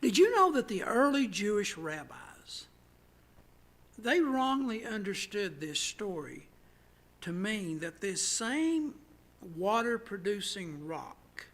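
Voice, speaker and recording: A man, a pastor, teaching a Bible study, stressing words loudly and then dropping to hushed asides. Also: high voice. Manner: emphatic, swings from loud stresses to hushed asides. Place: church.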